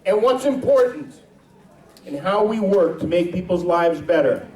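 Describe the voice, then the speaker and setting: A man's voice: high-pitched, animated, measured pace, darkish tone. A man giving a rousing speech to a political meeting, building his points through repetition. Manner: preacher-like repetition. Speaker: party chair giving a speech. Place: large hotel ballroom. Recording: echoey ballroom heard from far off.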